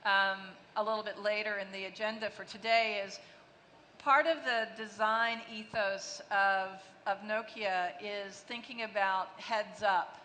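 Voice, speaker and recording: A woman's voice: mid-range voice, steady tone, unhurried, sharp tone. A woman executive answering questions on a conference panel, fluent but restarting her phrases often. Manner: fluent, with frequent restarts and fillers. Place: large conference hall. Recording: long hall reverb, faint noise.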